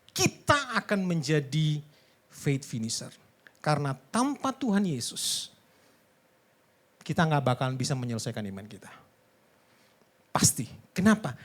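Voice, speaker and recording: Dynamic preacher dropping into hushed whispers. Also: medium pitch. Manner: dynamic, swings between loud emphasis and hushed near-whispers; conversational, asks the congregation questions. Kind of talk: sermon.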